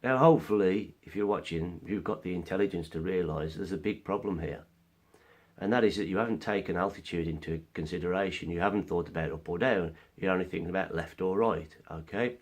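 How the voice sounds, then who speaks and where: This vlogger has a deep voice and talks a little fast as he earnestly lays out his opinions, using analogies to explain them. He's got a cold and coughs from time to time.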